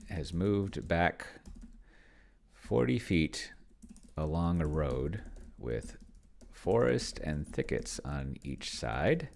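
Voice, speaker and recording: A man with a gravelly bass voice offers casual screen-share commentary as a solo tabletop game player and streamer. He rambles, thinks aloud, mutters to himself, and reads out text and what he types, over a faint hiss or hum.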